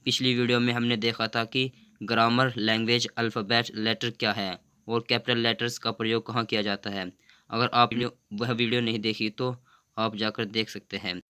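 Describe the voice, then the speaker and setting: A man teaching pronunciation, reading word lists slowly and carefully in a lesson. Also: medium pitch, little pitch movement, bright, forceful tone, clear, resonant tone. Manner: slow, careful, reads out word lists one by one. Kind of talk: slow explanatory lesson.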